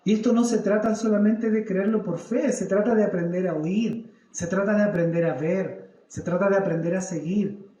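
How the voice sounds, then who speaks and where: A man's voice: sits high, moderate pace, muffled recording. Pastor in his 30s preaching, acts out his own prayers, church echo all around. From Chile. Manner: animated storytelling, acts out his own prayers and questions the congregation. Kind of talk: church sermon. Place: church service. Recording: echoey church hall.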